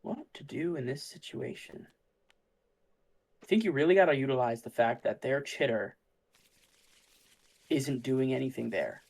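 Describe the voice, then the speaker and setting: A man's voice: medium pitch, unhurried, gravelly, pauses often, darkish tone. A man casually commentating on a card game tournament, musing aloud about the plays as they happen. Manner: thinks aloud, musing and easygoing.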